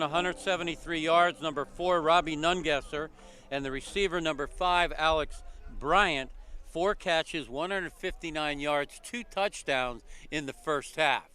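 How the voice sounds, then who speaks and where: A male play-by-play commentator with a bright, forceful, slightly high voice, calling a college football game from an outdoor stadium. He reels off numbers and stats with steady energy.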